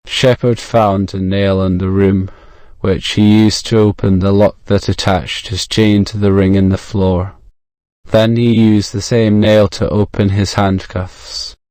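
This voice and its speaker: A man with a modern British accent reading a scripted story for English learners, measured and clearly enunciated. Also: lowish voice, a little mellow, no room sound. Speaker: audiobook narrator.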